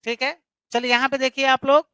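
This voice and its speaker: Woman, live online teacher, high-ish pitch, explanatory, asks questions. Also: level tone, fairly quick, sharp tone, clean tone, no echo. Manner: repetitive, explanatory, questions students directly. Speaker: English teacher. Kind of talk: live online grammar class.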